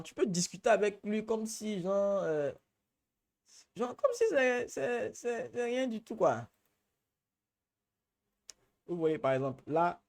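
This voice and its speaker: A man with an Ivorian French accent leads a live training session, chatting loosely with lots of repetition and local slang. His voice sits high for a man. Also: vocal fry, a little mellow. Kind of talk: live workshop Q&A.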